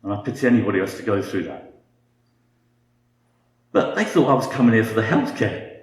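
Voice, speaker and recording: A man's voice: fairly low pitch, sing-song, a little fast, reverberant. A British man in his fifties giving a humorous talk with dry, self-mocking wit. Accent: British English. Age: 50s. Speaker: guest speaker.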